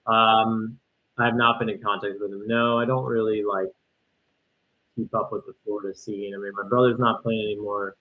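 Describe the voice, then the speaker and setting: A man, casually reacting live to a game and chatting with viewers, bursting into loud exclamations. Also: fairly low pitch, moderate pace. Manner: excitable, exclaims loudly at plays then chats calmly with viewers. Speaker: livestream host reacting to an ultimate frisbee game. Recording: dull lo-fi stream audio.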